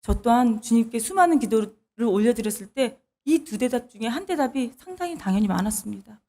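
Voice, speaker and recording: A woman with a fairly high voice delivers a church sermon. She speaks earnestly and acts out anguished prayers to make her point. Her delivery is heartfelt, not detached. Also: expressive, fairly quick, dark tone. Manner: earnest, dramatizes pleading prayers aloud. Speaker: preacher.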